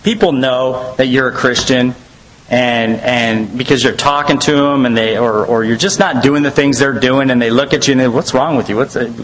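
A man leads a church Bible study in a loose, conversational way. He rambles, circles back and leans on fillers between points. His voice sits at an ordinary middle pitch, with a faint hiss behind it. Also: normal speed, low-quality recording. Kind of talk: casual Bible study teaching.

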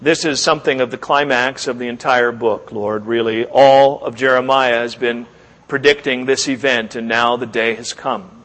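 A man preaching as a pastor, closing a sermon with earnest, measured exhortation, pausing and repeating his phrases. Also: mid-range voice, steady tone, fairly bright tone. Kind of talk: sermon with closing prayer and altar call. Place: church service, speaking to a congregation. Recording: long echo of a large room.

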